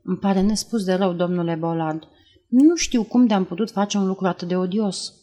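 A woman voicing a secretive, guarded young woman in an audiobook, speaking in a calm, measured way. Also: mid-range voice, lightly acted. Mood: apologetic. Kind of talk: audiobook character reading.

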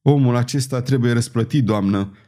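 A man's voice: medium pitch, dark tone, natural voice. A man doing a nervous, fretful young king. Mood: alarmed, cold. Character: frightened, petulant young king. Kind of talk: audiobook reading.

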